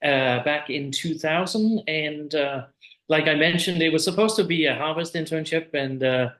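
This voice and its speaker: A man's voice: on the high side, moderate pace, echoey room. A man in his forties from Denmark with a Danish accent, a winemaker guest talking casually with many fillers over a video call. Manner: relaxed, hesitant with many uh fillers. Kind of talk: casual interview chat.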